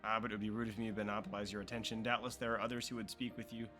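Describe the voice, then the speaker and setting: A man's voice: on the low side, flat delivery, rapid-fire, a bit bright, soft background music, lightly acted. A man reading aloud the lines of a courteous, composed young lord in a fantasy game.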